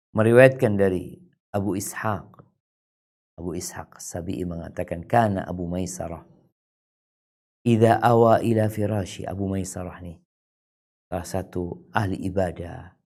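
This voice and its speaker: Male preacher, religious talk; recites Arabic lines, then explains them casually; voice swoops high and low, loud to soft. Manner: colloquial asides to the audience. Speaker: Islamic preacher. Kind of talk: religious lecture.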